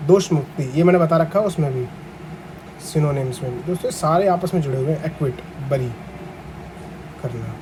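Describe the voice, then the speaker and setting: A young male teacher with a high, mellow voice, reading each definition slowly and then explaining it casually. He spells the tricky words letter by letter and asks the class questions. Faint noise sits under the recording. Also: poor audio. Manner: reads English definitions slowly, then explains them conversationally. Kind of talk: vocabulary lesson for exam aspirants.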